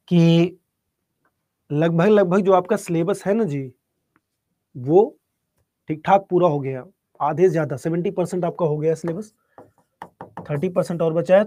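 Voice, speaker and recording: A man teaching a live online exam-prep class, speaking softly and unhurriedly while answering students' chat questions. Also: a little high. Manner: soft-spoken, calm and unhurried.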